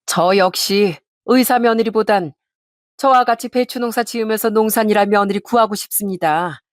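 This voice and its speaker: A woman's voice: mid-range voice, no echo, close to an everyday voice. The groom's mother, a dignified farming woman, answers firmly and evenly, voiced by a woman. Her voice stays close to the narrator's own in a dry, close recording. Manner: firm, measured retorts.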